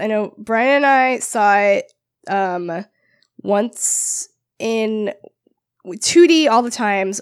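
Slow-talking hoarse woman co-host. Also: mid-range voice. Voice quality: scratchy voice. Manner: laughs often, easygoing. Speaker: podcast co-host. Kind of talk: casual podcast chat.

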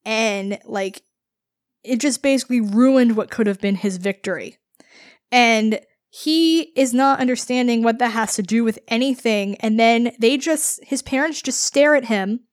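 Slow, rambling woman recapping a book. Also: fairly high pitch, dry recording, clean studio sound. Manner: rambling, full of "like" and "um". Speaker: podcast co-host. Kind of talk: casual book recap chat.

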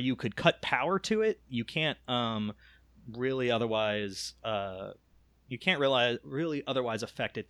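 A man narrating a tabletop game as game master, explaining rules with many pauses and restarts. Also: medium pitch, fairly bright tone, dry recording. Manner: rambling, many ums and restarts.

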